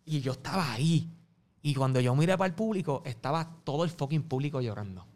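A man with a Puerto Rican Spanish accent, a guest telling animated stories in an interview and acting out the voices of the people in them. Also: a little high, fast. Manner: acts out quoted voices, swings loud and soft. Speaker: music promoter and guest.

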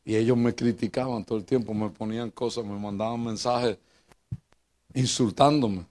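An older male pastor with a Puerto Rican accent preaches in a lively, joking way. His voice sits at an ordinary middle pitch, rising into loud bursts and dropping into low asides as he tells stories from his church. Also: moderate pace. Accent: Puerto Rican Spanish. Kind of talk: humorous preaching with personal stories.

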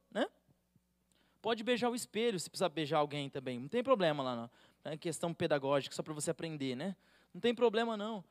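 A man's voice: high-pitched, no room sound, clean studio sound. A Brazilian man, a pastor, preaching a sermon with a humorous, teasing manner and acting out the voices he quotes. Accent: Brazilian Portuguese.

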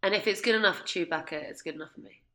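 Bright-voiced London woman, chatty co-host heavy on "like", echoey big-room sound from a vast hotel suite. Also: fairly low pitch, racing. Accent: London English. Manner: chatty, lots of "like", laughs easily. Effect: echoey sound of a huge hotel suite. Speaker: film podcast co-host. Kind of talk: casual chat. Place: large hotel suite indoors.

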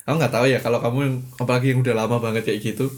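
A man's voice: medium pitch, flat delivery, rapid-fire. Give me a young man in casual chat, rambling with lots of fillers and chuckles. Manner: rambling, heavy use of fillers, chuckles often.

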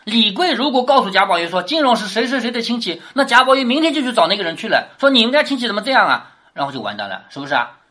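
A literature teacher, a woman, lectures on a classic novel at a fast pace, her pitch jumping high and low. She fires rhetorical questions at her audience with a teacher's patient drive. Her voice is sing-song and slightly bright.

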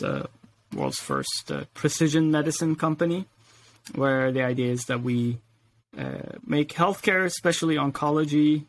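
Guy in his 40s, grew up in sweden, kinda gravelly, lots of uhs and ums, chill podcast guest. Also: medium pitch. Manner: relaxed, hesitant with many fillers, laughs easily. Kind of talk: casual interview talk.

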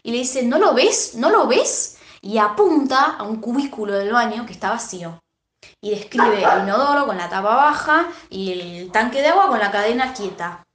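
Argentine woman podcaster, lively storyteller, slightly high voice, roomy echo. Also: normal speed, slight background noise. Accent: Argentine Rioplatense Spanish. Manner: animated, acts out the characters' lines. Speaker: podcast co-host. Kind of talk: casual retelling of a story.

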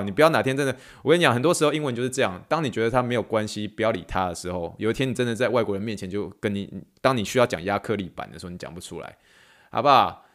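A man with a Taiwanese Mandarin accent teaches clinical English in a chatty podcast style, talking at a brisk clip. He mixes English words into his sentences, repeats phrases, and spells out words letter by letter. His voice sits at an ordinary mid pitch. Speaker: physical therapist and podcast host.

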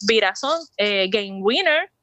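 A woman's voice: mid-range voice, animated, slow pace, noisy background. A woman co-hosting a casual sports chat, chatty and stumbling over her words. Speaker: co-host. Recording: dull, dry sound.

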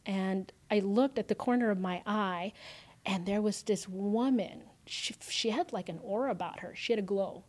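A woman, a podcast guest, telling an emotional personal story, swinging from hushed moments to loud exclamations. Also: medium pitch, moderate pace.

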